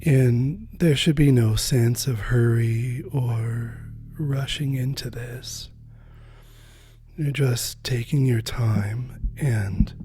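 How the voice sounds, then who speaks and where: Speaking softly and gently in a mid-range voice, a meditation guide leads a spiritual practice at an unhurried pace. Long pauses fill the delivery, which often drops close to a whisper.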